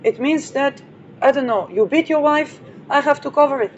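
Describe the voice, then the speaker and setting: A woman's voice: high voice, normal speed. Rambling woman astrologer, lo-fi and noisy. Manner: digressive, playful asides with frequent fillers. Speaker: astrology channel host. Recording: dull lo-fi audio with vehicle noise.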